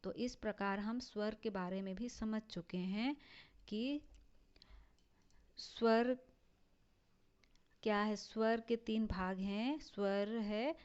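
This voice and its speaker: Slow, deliberate woman teacher. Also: medium pitch, fairly even intonation, a little mellow, clear, resonant tone. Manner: slow, deliberate, stretches out example words. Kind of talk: classroom lesson explanation. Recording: dull lo-fi recording.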